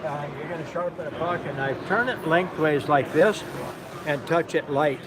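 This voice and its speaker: Folksy older man over a loud crowd. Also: a little high, moderate pace. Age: 60s. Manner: folksy, rambling, with many fillers. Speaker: knife sharpener seller. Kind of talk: live demonstration at a show. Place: outdoor gun show, crowd around. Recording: loud crowd noise behind.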